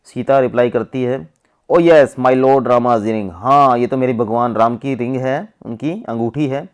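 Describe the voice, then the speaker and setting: A male teacher from India, with an Indian English accent, reads English lines slowly and then explains them in Hindi. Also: mid-range voice, clear, resonant tone.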